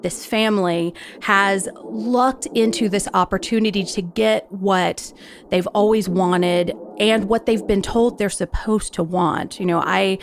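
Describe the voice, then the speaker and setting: A woman's voice: medium pitch, steady tone, unhurried, slight background noise. A woman from the United States giving casual spoken analysis as a guest commentator.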